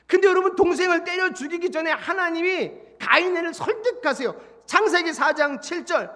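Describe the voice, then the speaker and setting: A middle-aged male pastor preaching a sermon in a church, lively, with rhetorical questions and acted-out dialogue. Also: very high voice. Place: church sanctuary. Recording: long church reverb.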